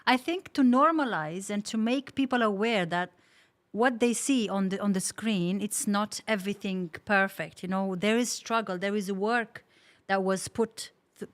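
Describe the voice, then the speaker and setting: A woman from Romania with a Romanian accent, co-hosting a casual podcast and chatting agreeably, often laughing. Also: mid-range voice. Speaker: podcast co-host.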